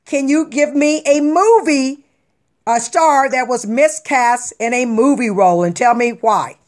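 A woman hosting a casual podcast chat, talking animatedly and exclaiming loudly when she gets excited. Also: high voice, measured pace. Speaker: podcast host.

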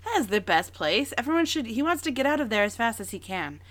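A woman's voice: a little high, big pitch swings, quick pace, a bit bright. A woman co-hosting a book podcast, chatting casually and making wry jokes. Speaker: podcast co-host.

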